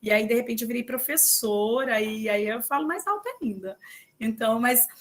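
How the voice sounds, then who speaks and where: A woman teacher giving an exam-prep lesson, talking loudly and emphatically and checking in with her students again and again. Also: a little high, animated, moderate pace. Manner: loud, emphatic, full of "tá?" and "né?" checks.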